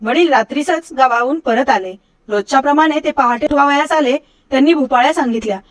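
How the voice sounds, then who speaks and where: A middle-aged woman reading a storybook aloud, lifting her pitch for the quoted characters. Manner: recites verse slowly and lower. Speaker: storybook reader.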